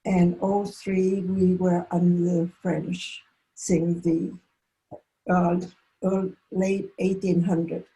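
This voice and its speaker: A woman in her eighties from South Vietnam, a native Vietnamese speaker, answering interview questions slowly with many pauses and restarts. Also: fairly low pitch, little pitch movement, warm tone, low-quality recording. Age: 80s. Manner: slow, halting speech with restarts and fillers. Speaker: interview guest.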